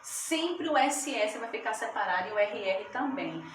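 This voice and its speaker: A woman's voice: fairly high pitch, lively intonation. A woman teacher giving a lesson to children, stretching out words syllable by syllable and often checking that they follow. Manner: slow, drawn-out syllables, checks in with "tá bom?". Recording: echoey room, mic at a distance, background noise.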